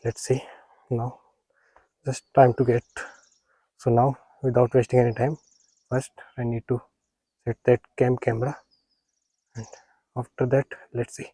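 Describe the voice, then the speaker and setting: A man narrating a casual outdoor wildlife vlog in a halting, unhurried, understated way. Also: mid-range voice, little pitch movement, warm tone, husky, no echo, poor audio. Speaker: wildlife photographer vlogger. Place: outdoors in nature, close dry sound.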